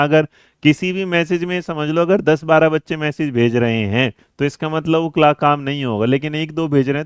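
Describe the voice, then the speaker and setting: Brisk man teaching a live online class. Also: fairly high pitch, clean tone, no room sound, studio quality. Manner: brisk, coaxing, calls students 'beta' and 'mere bachche'; reads and answers chat messages mid-lesson. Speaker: exam-prep teacher.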